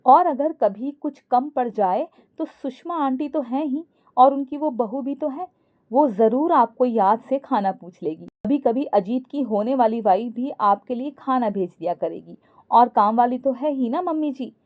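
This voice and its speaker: Narrator doing a coaxing, scheming young wife, high pitch. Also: female voice, lively intonation, a little slow, darkish tone. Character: scheming young daughter-in-law, mock-sweet.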